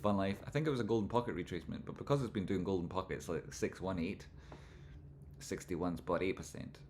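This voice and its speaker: A man with a broad Scottish accent hosting a livestream, talking informally and loosely, not always crisply enunciated, as he comments on charts and chats with viewers. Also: sits low, brisk, darkish tone, slight background noise. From Scotland. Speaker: livestream host and trading analyst. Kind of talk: live chart commentary and casual chat with viewers.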